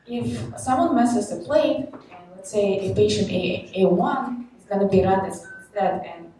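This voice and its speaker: A young woman from Kazakhstan presents a conference talk in a medium-pitched voice, using many fillers as she explains. She's recorded from a distance in an echoey hall with background noise.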